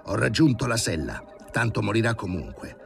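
A man's voice: fairly low pitch, very animated, normal speed, creaky, soft background music, exaggerated voice. A man voicing a ferocious older male surgeon in an audiobook, barking short orders.

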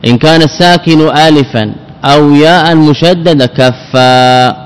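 A man teaching a grammar lesson, repeating word forms slowly and putting questions to himself before answering. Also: fairly high pitch, clear, resonant tone. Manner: repeats words, drills forms, asks and answers own questions. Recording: long hall reverb.

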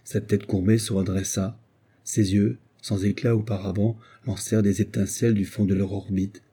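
A man reading a novel aloud as audiobook narrator, in an even, measured way. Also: lowish voice, husky.

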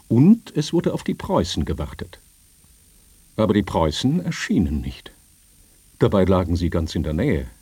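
A man narrating a literary story in a measured, even storytelling manner. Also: low-pitched, breathy edge, dry recording.

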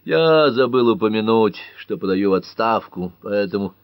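Male narrator as a dry old judge, low and matter-of-fact, close and dry. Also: expressive, normal speed, clear, resonant tone, no echo, highs cut off. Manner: dry, dismissive.

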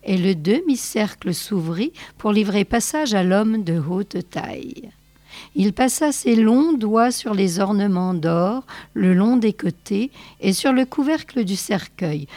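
Woman reader, unhurried storytelling, dry close sound, measured delivery. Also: mid-range voice, darkish tone, dry recording. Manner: slow, measured reading. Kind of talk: reading a short story aloud.

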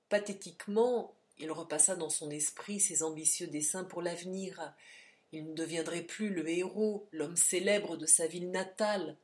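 A woman narrating a classic novel aloud as an audiobook reader, with expressive, varied delivery. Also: lowish voice. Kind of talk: literary narration.

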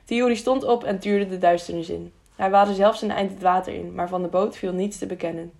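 A woman reading a children's adventure audiobook in a steady, expressive storytelling voice. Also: medium pitch, fairly quick, vocal fry. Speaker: audiobook narrator. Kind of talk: audiobook narration.

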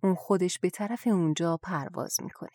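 Calm, confident young wife in a storybook tale, as the reader puts her on, low and warm. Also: no echo, clean studio sound. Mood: reassuring. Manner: calm, assured.

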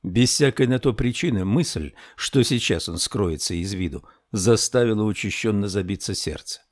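A man narrating a thriller audiobook in a slow, measured storytelling manner. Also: on the low side, animated, a little mellow, dry recording, clean studio sound.

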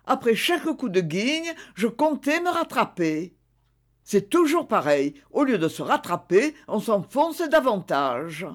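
A woman's voice: on the high side, very animated, unhurried. Coaxing, theatrical wife, read by a woman. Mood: justifying. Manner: theatrical, pleading then commanding. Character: extravagant wife, self-justifying and coaxing.

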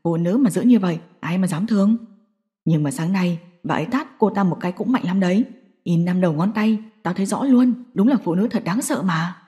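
A woman's voice: lowish voice, a little fast, mellow, pitched below the performer's own voice, close to an everyday voice. A woman voicing a crude, gossipy young male gang underling in an audio story. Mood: gossiping.

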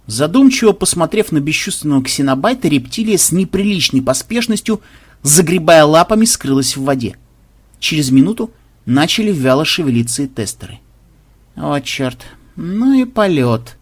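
A man reading an audiobook aloud with expressive, dramatic narration. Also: fairly high pitch, fairly quick, husky.

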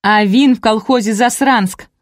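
A woman's voice: on the high side, moderate pace, a little mellow, no room sound, clean studio sound, voice pushed up, close to an everyday voice. A woman reading an audiobook, voicing a hysterical jealous wife who shrieks and hurls insults. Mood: shrill furious. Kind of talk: audiobook character voice.

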